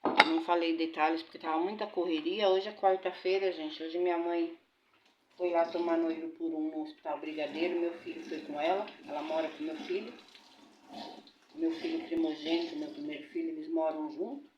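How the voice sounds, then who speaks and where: A middle-aged Brazilian vlogger, getting over a bad flu, washes dishes in her home kitchen while chatting with her viewers, calling them "gente" and offering religious blessings. Her Brazilian Portuguese voice sits low with fairly even intonation at a normal speed. The kitchen recording is roomy, dull and noisy.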